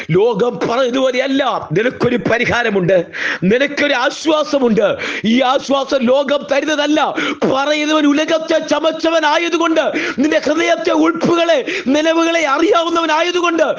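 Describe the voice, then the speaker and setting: A male pastor, preaching a fervent sermon that rises into loud emphatic lines, then leading a closing prayer. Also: extremely high pitch. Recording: dull, muffled lo-fi sound.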